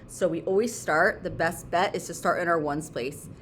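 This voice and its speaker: A woman's voice: on the low side, moderate pace, a bit bright, a little hiss or hum. A woman teaching children in a playful, instructional way, breaking steps into short phrases and checking in often as she goes. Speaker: elementary school math teacher. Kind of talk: step-by-step homework lesson for children.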